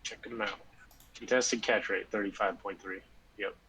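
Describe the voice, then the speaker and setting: A man co-hosting a casual sports podcast, rambling with lots of fillers and sudden animated bursts. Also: on the low side, normal speed, slightly rough, rough recording. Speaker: podcast co-host.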